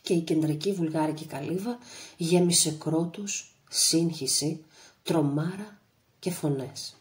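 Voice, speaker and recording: Low-voiced woman reading an audiobook. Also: darkish tone. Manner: measured, dramatic reading. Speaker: audiobook narrator. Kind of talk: literary audiobook narration.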